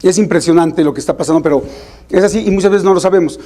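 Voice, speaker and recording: A man with a Mexican accent, a parent himself, giving an informal, animated talk to parents about teenagers. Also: racing. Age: adult parent. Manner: animated, acts out parents and teens in higher voices. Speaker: parenting speaker.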